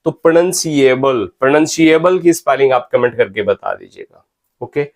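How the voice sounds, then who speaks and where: A man teaching English spelling, slowly spelling out words letter by letter and checking in with his students. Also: mid-range voice. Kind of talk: spelling lecture in Hindi mixed with English.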